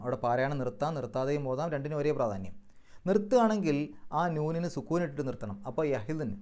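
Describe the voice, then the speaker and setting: A man giving a religious lesson, explaining recitation rules step by step and slowly chanting example words. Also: a little high, darkish tone. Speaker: Quran teacher.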